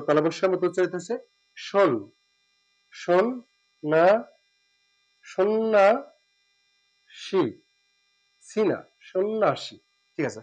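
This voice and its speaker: A man giving a spoken lesson, explaining step by step and repeating words slowly and drawn out. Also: high-pitched, dull audio. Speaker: teacher.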